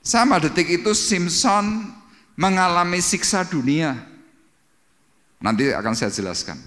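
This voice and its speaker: This male pastor's voice is high-pitched, bright and forceful, expressive yet unhurried. He dramatically preaches a Pentecostal sermon, acting out cries and sound effects for the congregation, while the church hall lends a long reverb.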